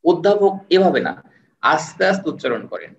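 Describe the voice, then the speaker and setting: A man teaching an online class, patiently repeating words and sounding them out slowly. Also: a little high, big pitch swings. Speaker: online tutor. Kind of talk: live online lecture. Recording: roomy, distant, dull sound.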